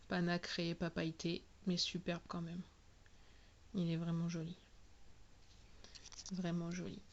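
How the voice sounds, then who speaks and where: A woman talking casually through a product unboxing, spelling out each product name slowly and clearly. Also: fairly low pitch, dull audio. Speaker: nail product reviewer.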